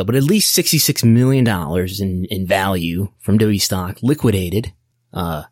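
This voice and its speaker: An American podcast host with a low-pitched voice is recorded in studio quality with no room sound. He offers casual, explanatory business commentary with a wry, nerdy touch, often thinking aloud.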